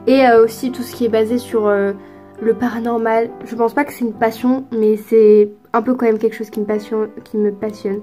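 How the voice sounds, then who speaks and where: A woman's voice: on the high side, flat delivery, moderate pace, mellow, faint music behind. A teenage girl from France answering viewer questions in a casual vlog, chatty and hesitant with lots of fillers. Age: teens. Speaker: youtuber.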